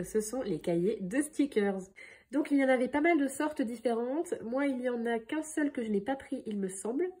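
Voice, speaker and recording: A woman scrapbooking vlogger chatting casually through a product haul, with frequent filler pauses. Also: mid-range voice, mellow, husky. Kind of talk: casual haul video narration.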